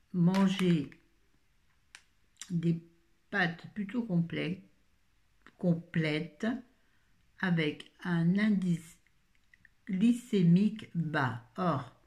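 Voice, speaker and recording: Rambling through a casual grocery haul, this woman vlogger in her 50s pokes fun at herself as she goes. Her voice is somewhat low and a bit mellow.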